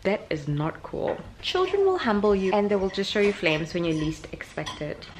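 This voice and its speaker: A South African woman in her thirties, a mom vlogger telling a story in an animated, exasperated way, acting out what she said. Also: medium pitch, a little fast, noisy background. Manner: animated, exasperated retelling with quoted asides. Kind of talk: casual storytelling vlog.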